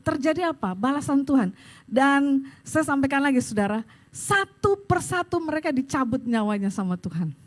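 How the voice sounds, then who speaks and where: High-voiced woman pastor preaching. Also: normal speed. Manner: animated storytelling, addresses the congregation directly. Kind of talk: sermon. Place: church service.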